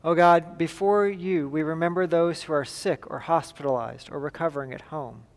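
A man leading liturgical prayer as a pastor, in a solemn, measured and formal way, with a long cathedral-like echo. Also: fairly high pitch. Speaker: pastor leading a church service. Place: large reverberant church.

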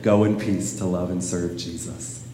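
A man leading a church service as pastor, speaking in measured liturgical calls and turning playful with the children, heard with a cathedral-like echo in a large sanctuary. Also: deep voice, level tone. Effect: cathedral-like echo in a large church hall. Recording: very echoey hall with loud room noise.

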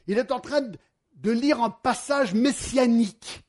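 Husky high-voiced man preaching. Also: a little slow. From United States. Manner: animated storytelling, addresses the congregation directly. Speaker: pastor. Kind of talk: sermon.

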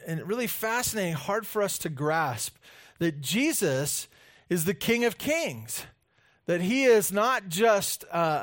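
A man preaching as a pastor at a pulpit microphone, speaking in a halting way with many pauses. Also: fairly high pitch. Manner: halting, pause-filled delivery. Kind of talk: sermon with scripture reading and prayer.

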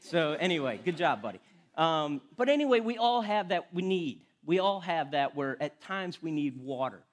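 A man's voice: on the high side, lively intonation, normal speed. A middle-aged man from Florida, a firefighter giving a casual sermon in a church sanctuary, chatty and self-deprecating with laughs and restarts. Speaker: lay preacher and firefighter.

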